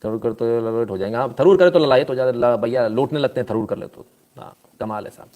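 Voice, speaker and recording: A man's voice: medium pitch, fast talker, warm tone. A man doing casual live-stream news commentary, sarcastic and scolding, reading out viewer comments and thanking them.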